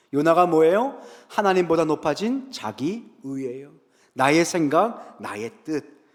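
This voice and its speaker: A male pastor preaching a sermon in a church sanctuary. He retells Bible scenes in a lively way, asking the congregation questions and answering them himself. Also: fairly high pitch. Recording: long reverb in a large sanctuary.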